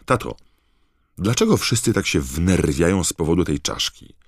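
A man's voice: low-pitched, very animated, normal speed, slightly rough, dry recording, clean studio sound, voice pushed up, full character voice. A man voicing a puzzled, impatient teenage boy, in an audiobook.

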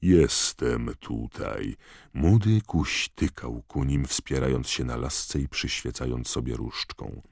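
A male audiobook narrator with a very deep voice, telling the story steadily and evenly. The recording is close and dry, with no room around it. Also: animated, measured pace, gravelly, few pauses, darkish tone, husky, no echo.

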